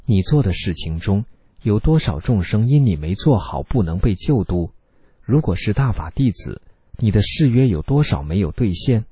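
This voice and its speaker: A man's voice: fairly low pitch, very animated, normal speed, dark tone, slightly rough, dry recording. A man reading a religious sharing article aloud in an earnest, admonishing tone. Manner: exhorting, admonishing tone.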